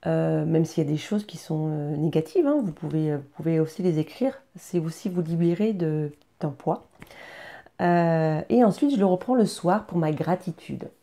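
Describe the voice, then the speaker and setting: A woman vlogger talks straight to her viewers about her daily routine in a casual, earnest, encouraging way, often hesitating with fillers and restarts. Her voice is low-pitched, dark and creaky, animated, at a moderate pace.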